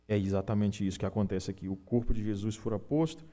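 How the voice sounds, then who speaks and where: A man's voice: on the low side, steady tone, quick pace, warm tone. A man with a Brazilian Portuguese accent, preaching an Easter sermon as pastor and asking the congregation rhetorical questions.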